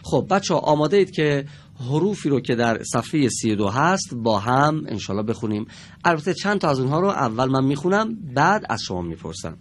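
This man, teaching a TV classroom lesson from a studio, has a mid-range voice and a very animated delivery. He encourages the pupils patiently and draws out every example word with slow deliberation.

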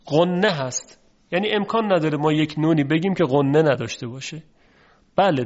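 Male recitation teacher, somewhat high voice, patient lesson delivery with slow drawn-out examples, dull lo-fi recording. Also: darkish tone.

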